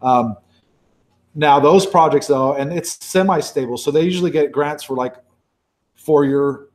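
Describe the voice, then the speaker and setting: Slightly mellow and mid-range, this forties-aged man's voice belongs to a sea turtle researcher from Baja California, Mexico. He speaks in a loose, conversational way, rambling and frequently restarting or correcting himself during casual talk and question-and-answer exchanges.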